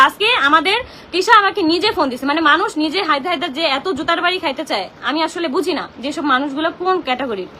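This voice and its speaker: A young Bangladeshi woman talks in a very high voice on her phone during a live stream, her tone bright and piercing. She complains in an agitated, confrontational way. A faint noise runs behind her. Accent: Bangladeshi Bengali. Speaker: social media livestreamer. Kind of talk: emotional live-stream rant.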